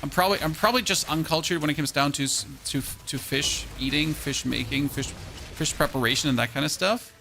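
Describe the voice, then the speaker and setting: A man with a high-pitched, creaky, pushed and bright voice talks fairly quickly while streaming a game. He chats casually with viewers, rambling and repeating words as he restarts sentences, and there's a little hiss or hum.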